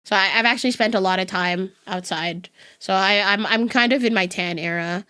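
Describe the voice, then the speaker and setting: Fairly quick and mid-range, her voice comes across pushed and bright. This young West Coast VTuber chats casually with her audience in a neutral American accent, laughing often.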